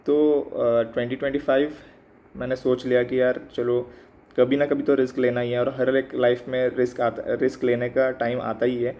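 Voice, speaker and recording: A man's voice: medium pitch, level tone, normal speed. A man in his mid-twenties talking in a casual reflective monologue, hesitant with many fillers and switching between two languages. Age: 20s. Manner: hesitant, many fillers, mixes English into Hindi. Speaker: exam aspirant vlogger. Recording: muffled, slightly lo-fi with faint background noise.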